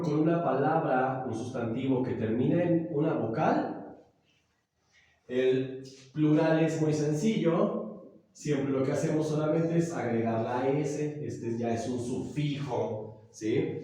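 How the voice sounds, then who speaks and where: A man with a Mexican accent lecturing a class as a teacher, explaining slowly and often checking that the students follow. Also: fairly high pitch, warm tone. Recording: echoey classroom from far off.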